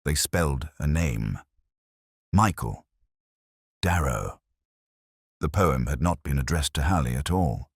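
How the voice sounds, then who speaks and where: This first-person literary mystery is read by a man whose voice is extremely deep and slightly rough. Brooding and deliberate, he still lets his intonation move in a lively way. There is no room echo; the sound is intimate and dry.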